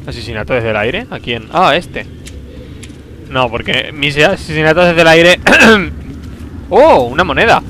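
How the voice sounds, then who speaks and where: A man from commentating a video game he is playing, talking to himself, with a sore throat, excitable and prone to loud outbursts. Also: fairly high pitch, normal speed, slight background noise, low-quality recording. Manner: excitable, talks to himself, bursts into loud exclamations. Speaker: gameplay commentator. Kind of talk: let's play commentary.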